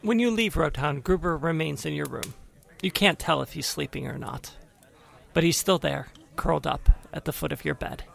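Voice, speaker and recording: High, creaky-voiced man narrating a fantasy game. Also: moderate pace, fairly bright tone. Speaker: game master.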